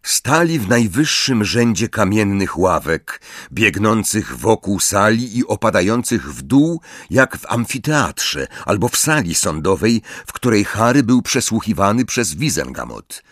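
A man narrating a fantasy audiobook in an expressive, dramatic manner. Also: fairly low pitch, measured pace, few pauses, no room sound, clean studio sound.

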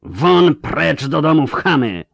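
A man doing a furious, shouting young sorceress. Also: fairly high pitch, big pitch swings, slow pace, gravelly, dry recording, pitched above the performer's own voice, heavily acted. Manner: shouting fiercely. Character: furious young female sorceress defying a mob.

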